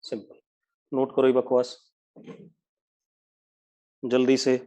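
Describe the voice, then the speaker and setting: Male physics teacher, brisk and scolding, live online lecture. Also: medium pitch, completely flat delivery, dark tone. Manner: brisk, scolds students by name.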